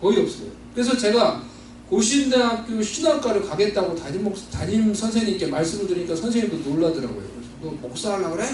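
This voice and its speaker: A man from Seoul telling his own story in a sermon, earnest, with slow emphatic stretches. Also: high-pitched, expressive, a little mellow, slight background noise. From Seoul, South Korea. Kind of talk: sermon testimony. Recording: distant mic in echoey hall.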